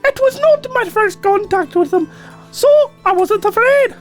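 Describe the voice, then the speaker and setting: A man voicing an older Irish woman who slowly and earnestly tells of her encounters with fairies, in a put-on Irish accent. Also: very high voice, lively intonation, fairly bright tone, faint music behind, voice pushed up, heavily acted. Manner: slow, earnest storytelling. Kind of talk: dramatic reading of listener stories.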